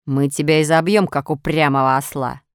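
A woman's voice: low-pitched, steady tone, normal speed, clear, resonant tone, no room sound, clean studio sound. A woman voicing a gang of rowdy schoolboys who taunt and threaten in a storybook reading.

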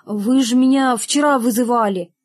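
A woman voicing a cheeky, lazy schoolboy who flatters his teacher in a wheedling, drawn-out way. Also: fairly high pitch, natural voice.

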